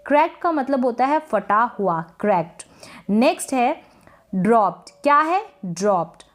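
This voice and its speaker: A woman's voice: a little high, very animated, moderate pace. A woman teaching English pronunciation in a Hindi-language lesson, patiently repeating words and asking her viewers questions to check they follow.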